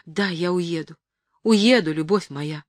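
A woman's voice: fairly low pitch, a little slow, dry recording, clean studio sound. A woman reading aloud voices a young man, a tormented secret lover who pleads with feeling. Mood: anguished pleading. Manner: pleading, emotional.

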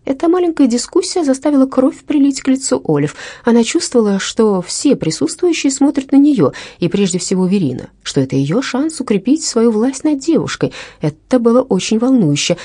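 A woman reading a novel aloud as narrator, with expressive, lively intonation. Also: medium pitch, slightly rough, no room sound. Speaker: audiobook narrator. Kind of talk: scripted literary narration.

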